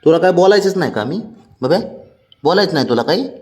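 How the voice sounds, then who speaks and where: A man's voice: on the high side, animated, fast talker, a little mellow. A man talking casually to his pet cat, mock-scolding it and then coaxing it fondly. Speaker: cat owner.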